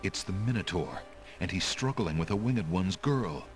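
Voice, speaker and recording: A man narrating a fantasy adventure game as a solemn storyteller, in a measured, dramatic way. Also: deep voice, animated. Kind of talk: scripted video game narration. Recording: game audio under music.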